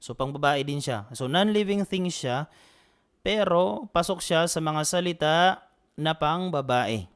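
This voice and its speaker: A man's voice: on the high side, lively intonation, unhurried. A man teaching an online Arabic lesson, patiently repeating and drilling phrases. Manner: answers students by name.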